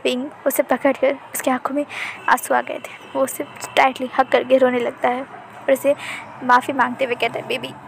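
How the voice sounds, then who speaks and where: High-voiced woman telling a fan story. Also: little pitch movement, moderate pace, gravelly, slight background noise. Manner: emotional retelling with acted dialogue. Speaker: narrator.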